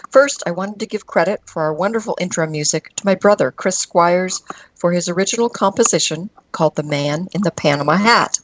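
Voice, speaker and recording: A woman's voice: on the low side, brisk, poor audio. A woman co-hosting a podcast, putting scripted questions to a guest. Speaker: podcast co-host, interviewer.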